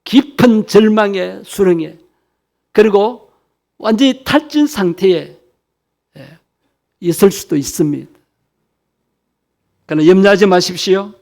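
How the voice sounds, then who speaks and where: High-voiced man preaching a sermon. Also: measured pace, creaky, pauses often, darkish tone. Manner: earnest and exhortative, addressing the congregation directly. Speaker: pastor. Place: church service.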